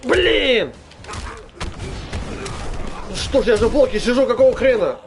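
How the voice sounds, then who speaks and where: A man giving casual live game commentary to his viewers, excitable and complaining, with plenty of swearing. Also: extremely high pitch, very fast, slight background noise. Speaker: game streamer.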